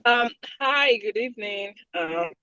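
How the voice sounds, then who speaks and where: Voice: mid-range voice, lively intonation, takes it slowly, sharp tone. An attendee calling in from a moving car, asking a question hesitantly and searching for words. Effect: phone call from a moving car. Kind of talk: Q&A question on a video call. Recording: dull lo-fi car speakerphone.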